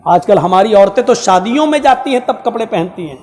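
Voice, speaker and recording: A man's voice: high voice, animated, a little mellow. A man from Uttar Pradesh, India, preaching a dramatic, moralizing story sermon at a religious gathering and speaking straight to the crowd. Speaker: maulana, preacher. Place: large gathering hall. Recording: echoey hall with long reverb.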